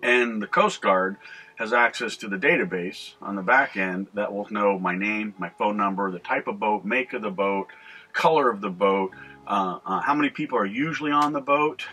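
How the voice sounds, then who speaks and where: With faint music playing behind him, a middle-aged man speaks in a low-ish, husky voice that sounds pushed and bright, keeping a moderate pace. He's a North American video host giving a relaxed how-to walkthrough from the helm of a small boat cabin.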